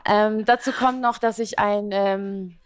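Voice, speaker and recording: A beauty and fashion blogger in her twenties, born in Iraq with Aramaic as her first language, is a guest answering interview questions. She rambles talkatively with fillers, her mid-range voice smooth and steady at a slow pace.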